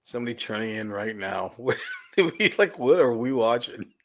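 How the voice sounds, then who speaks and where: A man's voice: medium pitch, animated, unhurried, fairly bright tone. A man co-hosting a podcast in a studio, chatting in a crude, teasing way and laughing often. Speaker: podcast co-host. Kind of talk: casual chat.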